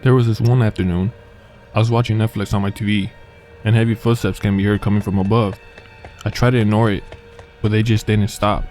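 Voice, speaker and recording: A man narrating true horror stories in a calm, even storytelling manner. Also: fairly low pitch, fairly quick. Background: faint background music.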